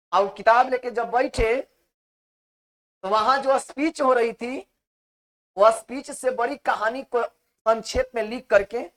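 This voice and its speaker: Woman teacher, higher-pitched, emphatic, answers her own questions. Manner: rhetorical questions answered herself; repetitive, emphatic explaining. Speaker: biology teacher. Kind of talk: classroom lecture.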